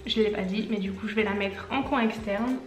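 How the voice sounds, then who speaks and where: A woman in her twenties, a beauty vlogger talking through a makeup tutorial in a chatty way, with rambling asides and quick self-corrections. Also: mid-range voice, fairly even intonation. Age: 20s. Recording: echoey room, faint background music.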